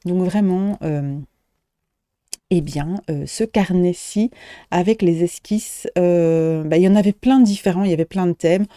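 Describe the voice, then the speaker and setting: A woman's voice: on the low side, measured pace, warm tone, no room sound, clean studio sound. A middle-aged woman shop owner chatting casually in a show-and-tell vlog, hesitating often with fillers and restarts.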